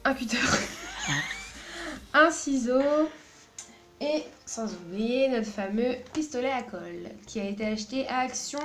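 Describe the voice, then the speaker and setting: In a casual craft video, a woman with a slightly high voice chats hesitantly about her haul and tutorial, giggling and using lots of fillers. She talks at a normal speed with few pauses, and there's a bit of background noise.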